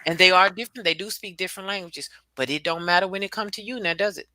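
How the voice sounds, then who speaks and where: A woman's voice: fairly low pitch, fast talker, bright, forceful tone, dry recording. A woman speaking emphatically and bluntly in a casual discussion, repeating points and swearing for force.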